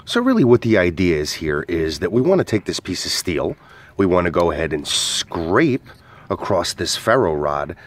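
An outdoor skills instructor, a man with a low voice at a moderate pace, casually explains a fire starter while demonstrating it in his backyard. His relaxed explanation is heavy with "uh" and "go ahead."

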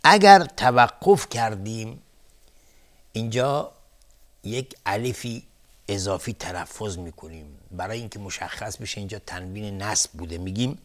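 Low-voiced man teaching recitation rules. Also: expressive. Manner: methodical, explains rules step by step. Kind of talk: televised tajweed lesson.

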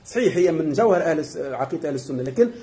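A man's voice: fairly high pitch, lively intonation, very fast, dark tone. A man with a Tunisian Arabic accent, a sheikh teaching a religious doctrine lesson, explaining step by step and often checking that his students follow. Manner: explanatory, keeps checking the class understands.

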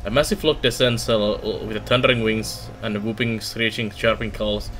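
A middle-aged man doing a let's play, reading game text aloud haltingly with casual commentary. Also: fairly low pitch, steady tone, fairly bright tone. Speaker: gaming let's player.

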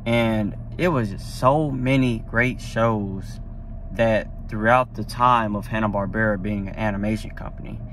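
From a parked car, a young man vlogs casually into a phone at arm's length, enthusiastic and rambling with many fillers. His voice is lowish and slightly bright, and he speaks at a measured pace. There's slight background noise.

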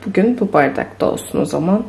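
A woman's voice: lowish voice, animated, quick pace, creaky, noisy background. Chatty woman vlogging from home. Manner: chatty, thinking aloud, easily amused. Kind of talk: casual vlog chat. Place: home kitchen.

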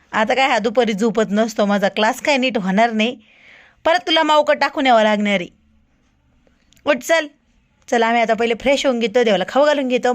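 A woman vlogging at home, chatting to the camera about her day in a casual way. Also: on the high side. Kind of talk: casual home vlog chat.

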